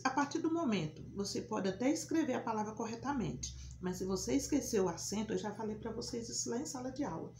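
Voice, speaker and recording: Brazilian female primary teacher, deliberate repeated examples, roomy echo on the recording. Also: mid-range voice, darkish tone, a little hiss or hum. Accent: Brazilian Portuguese. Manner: slow, emphatic repetition of example words. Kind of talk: recorded remote class lesson. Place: room at a whiteboard.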